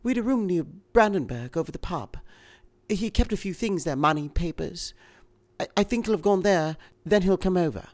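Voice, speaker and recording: A man's voice: high-pitched, lively intonation, normal speed, darkish tone, voice pushed up. A man voicing an anxious, urgent woman. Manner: urgent, pleading. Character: anxious, insistent woman in a spy thriller.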